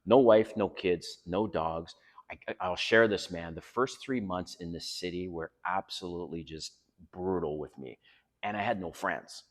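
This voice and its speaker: A man's voice: low voice, unhurried, big-room sound. A middle-aged man from Canada, hosting his vlog and talking frankly and earnestly, swearing freely. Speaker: vlog host. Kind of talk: candid personal vlog talk. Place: outdoors by a residential pool.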